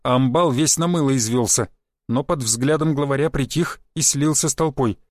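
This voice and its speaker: A man narrating a first-person adventure audiobook in a wry, even storytelling manner. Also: mid-range voice, moderate pace, no echo, studio quality.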